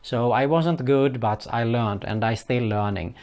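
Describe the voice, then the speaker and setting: In a casual talk to camera, a Swedish online business vlogger, a native Swedish speaker, earnestly hands out advice. His mid-range voice is unhurried and a little mellow. Frequent "uh" fillers break up his speech, along with repeated uses of "for example" and "keep that in mind."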